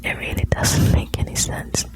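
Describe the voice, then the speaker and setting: A woman whispering close to the ear in an intimate, soothing ASMR style, reading out short lines and chatting softly to the listener. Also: normal speed. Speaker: ASMR host reading quotes.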